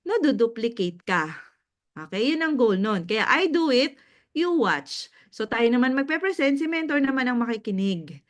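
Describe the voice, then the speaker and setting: A woman with a Filipino accent giving a mentoring talk to a group, animated and often laughing, checking in with her listeners. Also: high-pitched. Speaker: business mentor.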